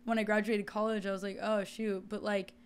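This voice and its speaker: A woman's voice: mid-range voice, level tone, fairly quick, smooth. A woman in her twenties, a podcast guest chatting casually with lots of fillers and giggles. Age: 20s. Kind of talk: casual chat.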